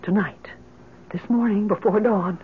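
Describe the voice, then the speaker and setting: In an old-time radio drama, a woman with a mid-range, slightly rough voice plays a desperate mother consumed by grief, pleading for her dead child. Her delivery is unhurried, theatrical and imploring, with a fixed, determined mood. The broadcast recording sounds noisy and dull.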